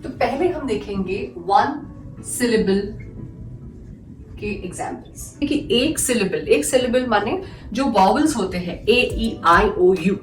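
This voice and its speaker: Slow, patient woman teaching grammar. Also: mid-range voice, animated, slight background noise. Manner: patient, asks and answers own questions, repeats examples. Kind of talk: classroom-style grammar lesson. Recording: echoey room, mic at a distance, faint music.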